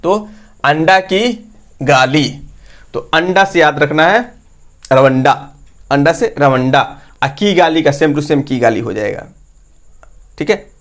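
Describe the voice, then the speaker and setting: A man's voice: on the high side, lively intonation, slow, long pauses. A man teaching an exam-prep lesson, repeatedly asking his listeners questions and answering them himself.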